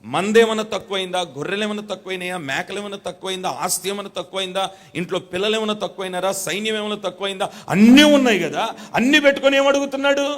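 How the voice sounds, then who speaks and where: A man with a high-set voice preaches a revival sermon from the stage of a church hall. He chants the same phrases again and again, with each one landing harder, and keeps urging the congregation to repeat after him and answer louder. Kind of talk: revival sermon with call-and-response.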